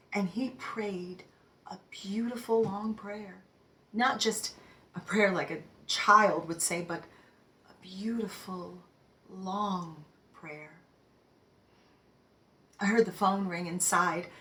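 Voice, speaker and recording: A devout older mother tells her story very slowly and reflectively, played by a woman in a stage read-through. Her voice sits at a mid pitch and sometimes sinks into a soft whisper. It is a measured, heartfelt dramatic monologue. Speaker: actor reading a monologue.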